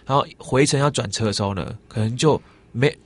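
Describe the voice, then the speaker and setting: Fast-talking Taiwanese Mandarin man. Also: medium pitch, no echo. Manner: animated storyteller, acts out quoted exchanges. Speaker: guest. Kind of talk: casual chat.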